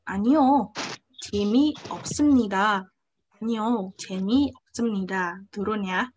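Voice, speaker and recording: A woman's voice: mid-range voice, rapid-fire, darkish tone, breathy edge, lo-fi sound. A young woman teaching a language class over a video call. She explains step by step, checks often whether students follow, and reads out example phrases. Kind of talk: online class lesson.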